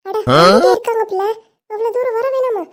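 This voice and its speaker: Child as a chatty middle-aged mother, soothing and scolding, very high voice, fast. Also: wildly swooping pitch, exaggerated voice. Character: caring middle-aged mother, fussy and teasing.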